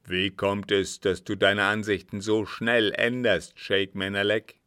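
A man's voice: on the low side, flat delivery, measured pace, pushed and bright, smooth, no room sound, clean studio sound. A man voicing a cunning disguised agent who feigns innocence with emphatic protests, in an audiobook reading. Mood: persuasive.

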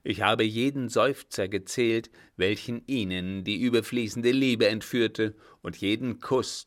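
A man voicing a scornful old captain who mocks and threatens a woman, loud and harsh. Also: fairly low pitch.

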